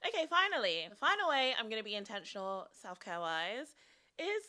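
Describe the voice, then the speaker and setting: A young woman vlogger chatting casually to her viewers in an animated, self-mocking way, with a slight vocal fry. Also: a little high, fairly quick. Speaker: YouTube vlogger. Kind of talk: casual chatty vlog talk to camera.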